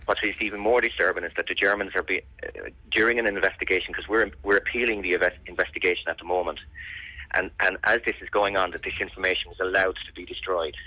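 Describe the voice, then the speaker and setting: An Irish man with a deep voice and a firm, bright edge. He answers interview questions earnestly and presses his points by repeating them. The sound is close and dry. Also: steady tone, fast, no echo, rough recording. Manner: earnest, insistent, repeats phrases for emphasis. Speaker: interviewee, bereaved brother campaigning for an investigation. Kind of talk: serious radio interview answers.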